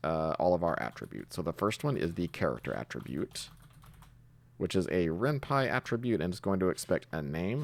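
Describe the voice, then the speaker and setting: A low, creaky male voice, captured in a dry recording, belongs to a programming tutorial host. He explains his code step by step in a relaxed manner, thinking aloud as he types.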